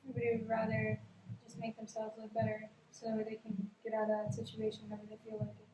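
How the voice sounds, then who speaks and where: A woman's voice: a little high, monotone, quick pace, warm tone. A woman guest in a casual podcast chat, talking in a chatty, agreeable way and laughing easily. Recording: roomy echo with faint room noise.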